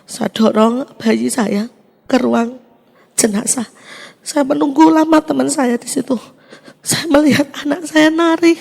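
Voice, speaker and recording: A woman gives an emotional church testimony and animatedly acts out each exchange. Her voice sits high and carries a gravelly, creaky texture. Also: fairly even intonation, measured pace, long pauses, a little mellow. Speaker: testimony speaker.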